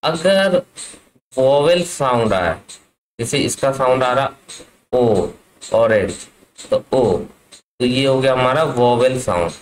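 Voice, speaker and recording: A man's voice: medium pitch, expressive, slow pace, pauses often, slight background noise, rough recording. A man teaching an English grammar lesson, asking his class questions and answering them himself. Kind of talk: classroom lesson explaining at a board.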